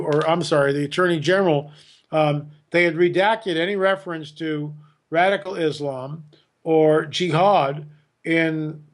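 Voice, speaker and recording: Emphatic man with a high voice. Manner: emphatic, repeats words, mimics others mockingly. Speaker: podcast guest. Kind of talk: opinionated podcast talk.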